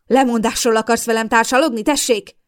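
A domineering middle-aged mother bursts into rage, her voice climbing high and loud with every accusation, put on by a woman reading the story. She scolds sharply and never gives ground. This is audiobook narration. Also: no room sound, clean studio sound, lightly acted. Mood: furious. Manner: shouting, scolding.

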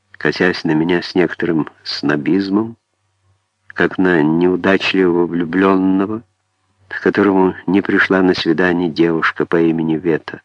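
Male narrator, lowish voice, calm ironic memoir read, close dry sound. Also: no echo, muffled recording. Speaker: audiobook narrator. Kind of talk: first-person memoir narration.

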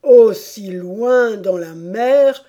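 A woman reading an audiobook voices a weepy, sentimental sea-turtle creature with a drawn-out, plaintive delivery. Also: medium pitch, expressive, mellow, highs cut off. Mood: doleful.

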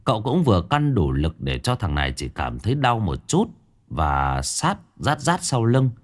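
A man narrating a story in a dramatic, expressive way. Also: lowish voice, moderate pace.

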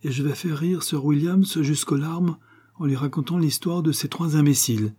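A man's voice: a little high, normal speed, mellow, husky, voice pushed up. A male reader voicing a cynical, murderous young bandit who talks in a coaxing, mocking, cold way.

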